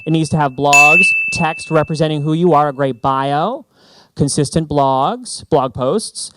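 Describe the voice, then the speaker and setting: A man giving a lively, joking presentation on stage. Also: fairly high pitch, a little slow, heavy background noise. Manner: animated, joking, emphatic. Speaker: branding speaker. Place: conference stage.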